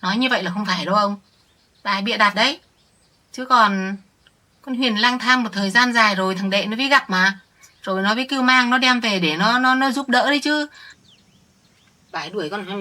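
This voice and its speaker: A woman's voice: mid-range voice, fairly quick, bright, forceful tone, lightly acted. A middle-aged woman playing a village woman who earnestly insists she is telling the true story. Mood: insistent. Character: older village woman defending her family. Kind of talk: village family drama acting.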